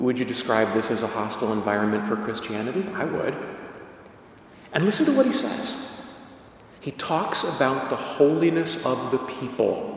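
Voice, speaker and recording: Priest preaching in cathedral echo. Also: male voice. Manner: emphatic, animated preaching with sudden rises in pitch. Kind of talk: gospel reading and homily. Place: large church. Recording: cathedral echo with long reverb, faint noise.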